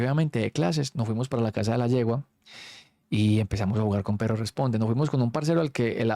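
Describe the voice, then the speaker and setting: Young Colombian man, slangy and animated anecdote-teller, dry close mic. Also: medium pitch, no echo. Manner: animated, slangy, acts out quoted friends. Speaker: streamer. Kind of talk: casual anecdote storytelling.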